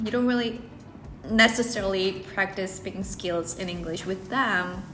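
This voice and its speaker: This English-learning video creator, a woman from South Korea who grew up speaking Korean, speaks English to camera with earnest personal advice and often restarts her phrasing mid-sentence. Her voice is on the high side, heard in an echoey room with faint music and slight background noise.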